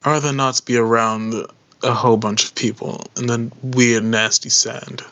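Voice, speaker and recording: A man's voice: medium pitch, flat delivery, moderate pace, pushed and bright, no echo. A man voicing a sultry, slender woman sunbathing on a rooftop, curt and dismissive.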